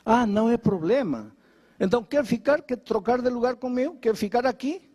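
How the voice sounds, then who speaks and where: A man's voice: very high-pitched, animated, normal speed, a little mellow, husky, voice pushed up, heavily acted. A man voicing a bedridden young man who is bitter, then humbled, and whose voice rises in anger. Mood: bitter, angry.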